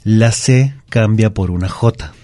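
Methodical low-voiced teacher. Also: male voice, slow pace, dark tone, no room sound. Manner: patient, methodical, repeats examples. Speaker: grammar teacher guest. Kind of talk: explanatory radio lesson. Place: radio studio booth.

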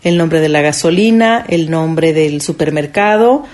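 A woman hosts a radio chat, repeating her guest's points back to check them and asking follow-up questions. Her voice sits a little low for a woman. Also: a little slow, a little mellow. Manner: recaps the points back, curious, with frequent affirming sounds. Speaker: radio host.

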